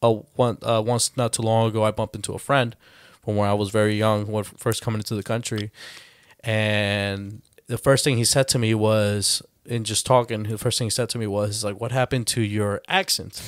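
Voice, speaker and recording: A male podcast host who grew up speaking Spanish, talking in a relaxed, easygoing way and slipping in the odd Spanish phrase. His voice sits on the lower side. The sound is dry and close to the mic. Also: brisk, clear, resonant tone, no echo. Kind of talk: casual podcast chat.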